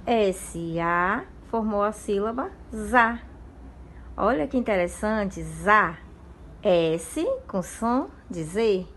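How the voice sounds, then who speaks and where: A woman teacher with a Brazilian accent giving a video lesson to young children, speaking affectionately and spelling out syllables slowly. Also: medium pitch, slight background noise. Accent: Brazilian Portuguese. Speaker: primary school teacher. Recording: echoey room recording.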